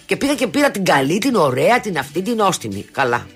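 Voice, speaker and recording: Lively animated woman telling stories. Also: lowish voice. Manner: animated storytelling with restarts and acted quotes. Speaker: talk show co-host. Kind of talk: casual chat.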